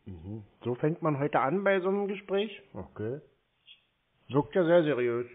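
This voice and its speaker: Speaking a little slowly, a man with a voice on the high side sounds very animated as he pranks a scam caller. The sarcastic, needling phone chat comes through a narrow, tinny line.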